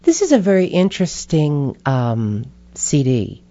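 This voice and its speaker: An older woman talking casually as an interview guest, animated and quick to laugh, acting out voices as she tells her stories. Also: low-pitched, dull audio. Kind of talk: casual chat.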